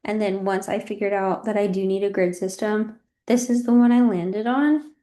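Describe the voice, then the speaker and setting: A woman's voice: mid-range voice, fairly even intonation, moderate pace, warm tone. A heavily pregnant woman, out of breath, giving an informal student presentation in a conversational, apologetic way. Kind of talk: informal design project presentation.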